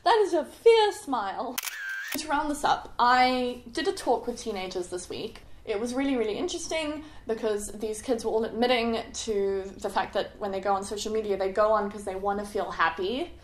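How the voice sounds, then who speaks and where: A woman's voice: medium pitch, brisk, few pauses. A young adult woman talking casually to camera as a vlogger, chatty and self-mocking, often laughing at herself. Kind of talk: casual confessional vlog. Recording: roomy echo.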